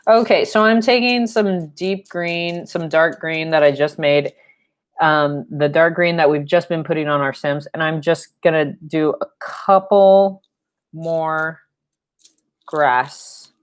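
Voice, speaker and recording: A painting instructor with a low voice chats slowly and steadily while she paints during a live-stream lesson from her indoor home studio. She rambles in a chatty way, full of fillers, playful sound effects, and side remarks.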